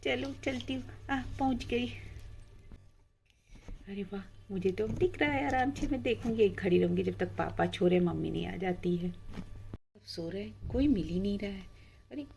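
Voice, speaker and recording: A woman voicing a lively, curious little village girl in a children's doll story, chatting to herself. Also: mid-range voice, normal speed, gravelly, natural voice. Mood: chatty.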